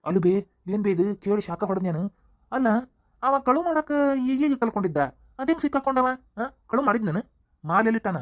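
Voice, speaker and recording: A woman's voice: medium pitch, animated, a little fast, natural voice. A brash young thief, the elder son in a village cartoon, voiced by a woman. He talks with a cocky swagger, forever calling his mother "bē". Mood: puzzled. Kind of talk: cartoon voice acting.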